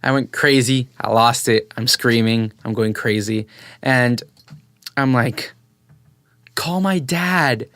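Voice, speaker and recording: A young man, mid-pitched, recounting a story as a podcast guest with excitable, animated energy. He acts out the voices of people in the tale. The close mic sounds dry with no room echo. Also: unhurried, smooth. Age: young adult. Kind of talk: casual storytelling chat.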